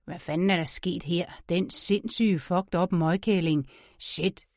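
A woman's voice: lowish voice, fairly even intonation, a little mellow, no echo, studio quality, lightly acted. A woman doing a crude, cursing brute of a man. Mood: angry. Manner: muttered swearing, harsh. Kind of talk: audiobook character voice.

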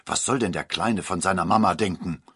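A man voicing a strict peasant father in a gruff, firm manner. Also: sits low, fairly quick, fairly bright tone, no room sound, studio quality, pitched below the performer's own voice, full character voice. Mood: scolding.

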